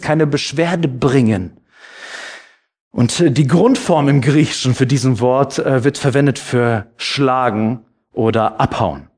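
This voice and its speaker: A man preaching a sermon, reading scripture passages with rising emphasis and dropping to a soft, low voice to comfort. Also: husky. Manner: animated, rises high when quoting scripture.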